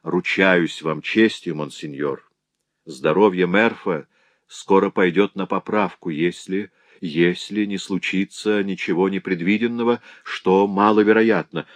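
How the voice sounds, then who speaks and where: A composed, stern doctor in a storybook, speaking low, quiet and unhurried with firm authority, as a man plays him. The sound is close and dry. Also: no echo. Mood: stern calm.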